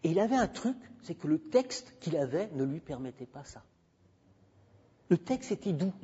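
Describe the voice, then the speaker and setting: A man's voice: fairly high pitch, sing-song, normal speed, warm tone, breathy edge. A man giving a university lecture into a handheld microphone, emphatic and digressive, talking freely with the audience. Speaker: guest lecturer. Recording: dull lo-fi recording with long hall reverb.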